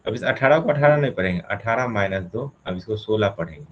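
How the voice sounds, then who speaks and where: A man's voice: lowish voice, animated, brisk, highs cut off, slight background noise. Male teacher working through a problem. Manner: asks questions and answers them himself, counts step by step. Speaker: reasoning teacher. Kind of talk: explaining a classroom problem.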